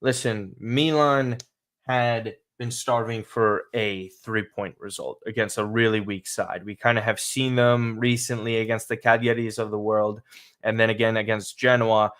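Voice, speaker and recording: A man's voice: fairly low pitch, fairly even intonation, unhurried, fairly bright tone. A man with a slight lisp hosting a soccer podcast livestream, talking casually and emphatically to his viewers. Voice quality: slight lisp from dental aligners.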